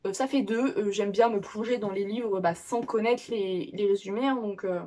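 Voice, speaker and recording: A woman's voice: mid-range voice, normal speed, dark tone, a little hiss or hum. Chatty woman rambling about books. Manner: rambling, many fillers and restarts; chatty, self-correcting. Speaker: book vlogger. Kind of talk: casual unboxing chat.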